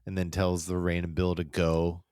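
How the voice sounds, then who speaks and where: A man's voice: sits low, monotone, moderate pace, darkish tone, clean tone, no room sound, clean studio sound. A man co-hosting a casual podcast in an easygoing, agreeable way, chuckling along. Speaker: podcast co-host. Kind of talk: casual retrospective chat.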